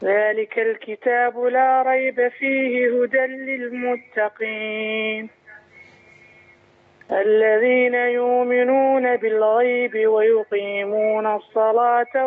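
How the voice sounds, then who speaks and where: A woman from Mauritania calling in to a lesson and reciting Quran verses in a steady, measured way. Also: a little high. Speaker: caller. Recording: tinny phone line.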